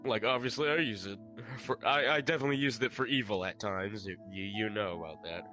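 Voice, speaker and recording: A young man with a Southern American accent, talking haltingly in a casual late-night podcast chat, often repeating words as he starts. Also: lowish voice, sharp tone, faint music behind. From Southern United States. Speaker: podcast co-host.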